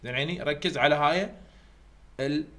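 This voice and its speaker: A man with an Iraqi Arabic accent giving an online university lecture, repeating key points slowly to drill his students. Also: a little high, a bit bright. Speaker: university English tutor. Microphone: computer mic over weak internet.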